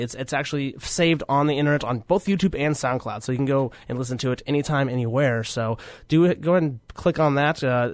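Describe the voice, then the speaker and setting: A college radio host in his twenties chats casually on air, his voice pulled lower than usual by illness. He rambles with plenty of fillers and false starts and cracks jokes at his own expense. The recording is dry.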